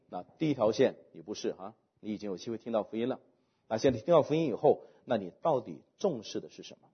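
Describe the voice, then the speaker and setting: A male pastor preaching a sermon, asking rhetorical questions and letting his phrases fall away softly at the ends. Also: mid-range voice, husky, lo-fi sound.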